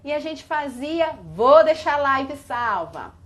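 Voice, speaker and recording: High, animated Brazilian teacher woman. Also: slow. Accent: Brazilian Portuguese. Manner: animated, demonstrating with sung greetings and props. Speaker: early childhood teacher. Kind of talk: live-stream class demo for teachers.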